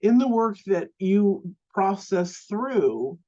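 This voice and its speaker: A woman teaching a live online class on self-love. She talks gently and at an easy pace, restarting her phrases and dropping in fillers as she thinks aloud. Her voice sits in the middle of the range and comes through slightly muffled, lo-fi audio. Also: medium pitch, very animated, slow pace.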